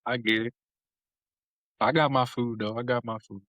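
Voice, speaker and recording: A young man co-hosting a casual podcast, telling animated stories and giving playful shout-outs. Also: medium pitch, normal speed, dry recording, low-quality recording. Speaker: podcast co-host.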